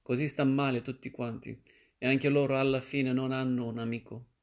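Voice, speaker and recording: Gravelly, flat-voiced man reading a novel. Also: mid-range voice, normal speed. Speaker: narrator. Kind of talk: literary audiobook reading.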